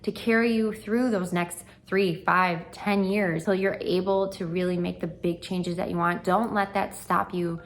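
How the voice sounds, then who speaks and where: A woman's voice: fairly low pitch, fairly even intonation, unhurried, few pauses, a little hiss or hum. A young adult woman chatting through a home makeover reveal in a gushing, enthusiastic way, stressing and stretching key words. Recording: music behind the voice. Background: background music.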